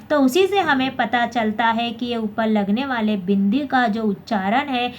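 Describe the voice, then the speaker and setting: High-voiced woman teaching basic grammar. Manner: repeats "theek hai" and checks with the class, corrects her own slips. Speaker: Hindi teacher. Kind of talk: explaining a basic grammar lesson.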